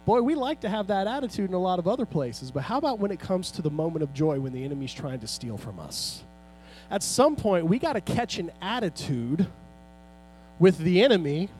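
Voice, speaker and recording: A middle-aged pastor preaches from the pulpit in a fairly high voice. He climbs to loud, fervent peaks, then drops to soft, low lines. A faint electrical hum sits under the church mic. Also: sing-song, normal speed. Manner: preaching with rising shouts and sudden soft drops. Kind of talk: sermon. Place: church sanctuary.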